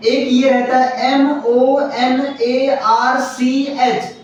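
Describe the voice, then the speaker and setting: A man's voice: very high-pitched, flat delivery, very slow, lo-fi sound, slight background noise. A male teacher giving a classroom grammar lesson, repeating his points, spelling words out letter by letter and often checking that students understand. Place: classroom with students answering together. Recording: very echoey classroom from far off.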